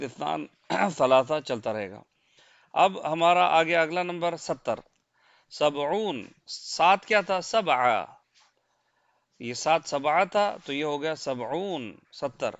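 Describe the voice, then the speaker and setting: A man's voice: a little high, dry recording. A man with a Pakistani Urdu accent teaching a slide-based language lesson, counting through lists patiently and often asking listeners to confirm they follow. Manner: patient, repetitive counting with rhetorical checks. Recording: dull, lo-fi dry close mic.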